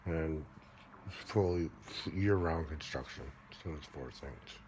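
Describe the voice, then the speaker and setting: A man in his forties with an American Midwestern accent, rambling half asleep in a drowsy, halting, mumbled drawl with casual swearing. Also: extremely low pitch, darkish tone. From Michigan, United States. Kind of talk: sleep talking, rambling monologue. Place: indoors, lying on a bed or couch. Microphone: phone held close by another person. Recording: noisy handheld phone recording.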